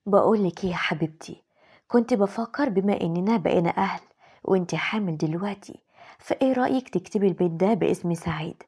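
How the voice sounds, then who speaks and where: A woman with an Egyptian accent voicing a scheming, sweet-talking mother-in-law in an animated story, in a breathy voice. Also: lowish voice, fast. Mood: coaxing.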